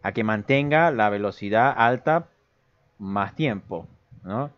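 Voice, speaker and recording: A man's voice: lowish voice, lively intonation, slow. A man teaching aviation English on a casual livestream, greeting viewers and reading English phrases aloud between explanations. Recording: dull lo-fi stream audio.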